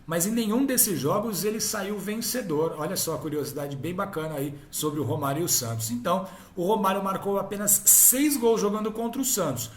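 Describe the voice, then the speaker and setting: A man's voice: high-pitched, a little fast, few pauses, reverberant. A man hosting a casual football history talk, chatty and often ending his points with tag questions. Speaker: host.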